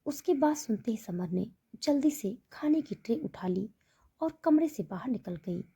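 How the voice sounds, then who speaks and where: Breathy-voiced woman telling a story. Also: fairly high pitch, lively intonation, moderate pace, warm tone. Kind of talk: serialized story narration.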